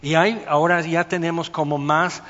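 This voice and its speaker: A man, a pastor preaching a sermon and telling stories with lively, acted-out voices. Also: on the high side, moderate pace. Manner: animated storytelling, acting out voices. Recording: muffled sound with long hall reverb.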